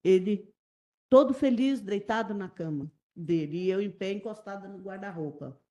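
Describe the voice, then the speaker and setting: A middle-aged Brazilian woman giving halting, repetitive, emotional testimony as a witness in a courtroom. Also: medium pitch, mellow. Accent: Brazilian Portuguese. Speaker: witness testifying in a jury trial.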